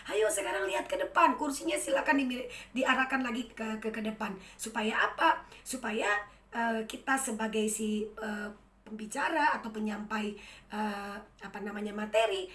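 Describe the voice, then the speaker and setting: Chatty woman in her 30s teaching to camera, kinda high voice, roomy echo. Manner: lively, chatty, addresses students directly. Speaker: university lecturer. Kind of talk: recorded lecture to camera. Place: room without an audience.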